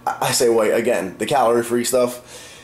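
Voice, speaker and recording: At a normal pace and in a mid-range voice, a young fitness vlogger talks informally to his viewers, laying out each step. His nose is blocked from a cold and his voice is partly giving out.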